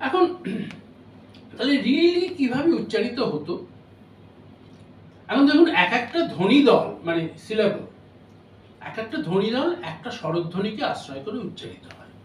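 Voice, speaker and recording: Distant, echoey high-voiced male lecturer. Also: sing-song, a little hiss or hum. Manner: measured, explanatory, pauses between phrases. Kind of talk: memorial lecture on phonetics. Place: lecture hall. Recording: roomy hall audio from a distance.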